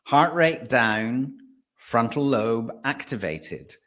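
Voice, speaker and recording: His voice is medium in pitch, animated and a bit bright. Working as a voice and presence coach, he's a webinar guest explaining breathing and voice, restarting often and slowing down whenever he wants to stress a point.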